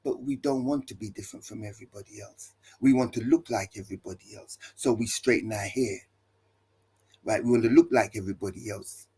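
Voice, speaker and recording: A man's voice: fairly low pitch, a little fast, warm tone, slightly rough. A male pastor preaching to listeners, building his points with emphatic repeated refrains and rhetorical questions. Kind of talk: preaching talk.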